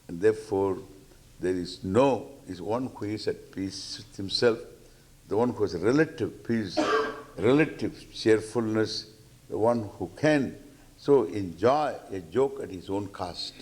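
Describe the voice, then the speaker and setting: A man's voice: lowish voice, a little mellow. A man with an Indian accent giving a spiritual discourse as a teacher, playful, repeating phrases and acting out questioners. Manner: halting, repeating phrases for emphasis.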